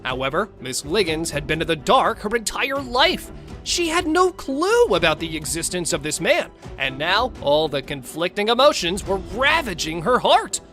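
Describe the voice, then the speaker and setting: Sassy, lively woman narrator over music. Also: lowish voice, moderate pace. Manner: sassy, theatrical. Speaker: narrator of a court show recap. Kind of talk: playful dramatic scripted narration with slangy asides.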